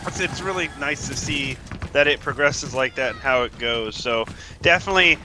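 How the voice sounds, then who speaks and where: Bright, tense-voiced male esports co-caster. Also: medium pitch, normal speed, slight background noise. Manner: casual, hyped, repeats "yeah, no" and "definitely". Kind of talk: color commentary.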